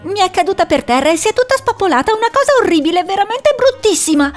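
High jittery little owl girl, woman doing her, gets all squeaky and fussy in a storybook. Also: sing-song, normal speed, a little mellow, soft background music. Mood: flustered. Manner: high, flustered and exclamatory. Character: young female owl, nervous and evasive.

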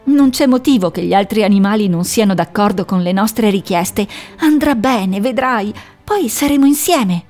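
A woman voicing a young female owl who is cheerful and caring, talking in a bright, reassuring way. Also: mid-range voice, lively intonation, normal speed, soft background music, close to an everyday voice. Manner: bright, reassuring, a little anxious underneath.

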